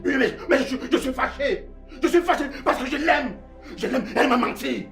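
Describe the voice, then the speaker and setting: A man's voice: fairly high pitch, expressive, measured pace, vocal fry, a bit bright, soft background music, heavily acted. A man with a Cameroonian French accent playing a hurt, angry young man who feels betrayed, in a web-series drama. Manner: wounded and accusing, bitter.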